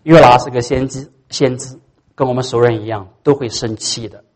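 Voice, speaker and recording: A man preaching a sermon as pastor. He is emphatic and swings from loud peaks to soft asides. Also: medium pitch, steady tone, a little fast.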